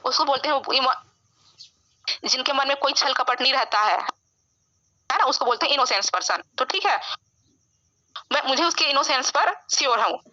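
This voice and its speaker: High bright-voiced woman teaching grammar. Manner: explains slowly, keeps asking "है ना?". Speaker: English teacher. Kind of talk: classroom grammar lesson. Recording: dull lo-fi sound.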